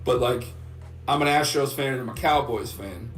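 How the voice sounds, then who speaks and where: A man's voice: medium pitch, moderate pace, a bit bright. A man from Texas co-hosting a sports podcast, chatting casually and rambling with fillers. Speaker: podcast co-host. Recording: roomy sound from off mic, music underneath.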